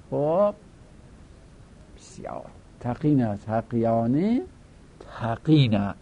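Man, teacher, grammar lesson, mellow dark tone, repeats forms slowly. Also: mid-range voice, lo-fi sound. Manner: drills forms aloud, repeating them slowly.

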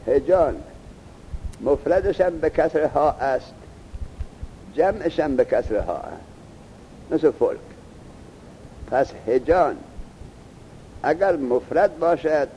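A man teaching a grammar lesson, explaining slowly and questioning his students. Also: fairly high pitch, dark tone, slight background noise, poor audio. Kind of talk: classroom lesson on Arabic morphology.

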